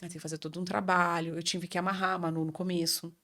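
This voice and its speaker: A woman in her thirties, a children's ear-nose-throat doctor, chatting as a podcast guest and telling lively stories with acted-out dialogue. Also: lowish voice, fast talker. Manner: lively storytelling, acts out quoted dialogue. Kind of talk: casual podcast chat.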